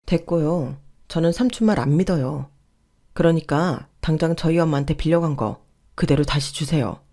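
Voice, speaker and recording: A woman's voice: low voice, moderate pace, mellow. A woman voicing a frustrated adult son who speaks firmly and with exasperation. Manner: firm, exasperated.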